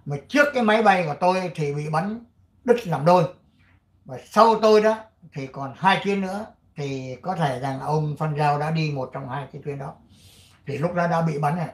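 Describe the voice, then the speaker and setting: Older vietnamese guy rambling on his channel, lots of ums and throat clearing, kinda high voice. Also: moderate pace, roomy sound. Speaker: channel host. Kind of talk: casual commentary and reading aloud.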